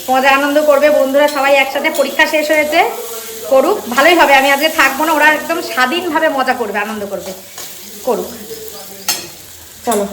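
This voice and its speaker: Quick, high-voiced woman with a Kolkata Bengali accent. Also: a bit bright. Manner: chatty, repeats herself, talks to viewers as friends. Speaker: vlogger. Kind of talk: casual home vlog to viewers. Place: home kitchen.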